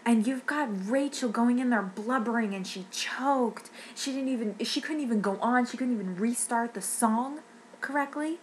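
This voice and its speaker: A woman's voice: on the high side, normal speed, a little hiss or hum, poor audio. A woman ranting in an upset, rambling way, near tears and often restarting her sentences. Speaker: fan vlogger. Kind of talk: emotional rant.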